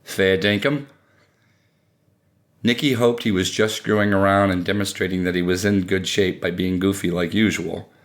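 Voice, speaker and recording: Male narrator, audiobook reading, low voice, steady and measured.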